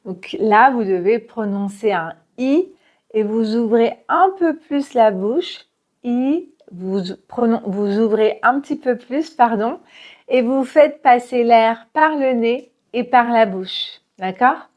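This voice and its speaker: Woman, pronunciation teacher, higher voice, very slow careful delivery, precise articulation. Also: lively intonation, darkish tone, lo-fi sound. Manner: models sentences very slowly, syllable by syllable.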